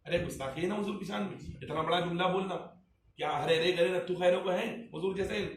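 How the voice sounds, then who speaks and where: A man's voice: high voice, fast, a crowd in the background. A man, an Islamic cleric, explaining a religious point in an emphatic, rhetorical way, putting repeated questions to a listener. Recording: echoey room, distant mic, faint ambience.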